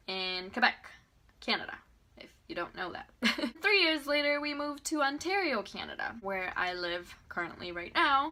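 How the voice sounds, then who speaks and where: A woman in her twenties from Venezuela, telling a chatty, animated storytime on her vlog and laughing often. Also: mid-range voice. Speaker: beauty vlogger.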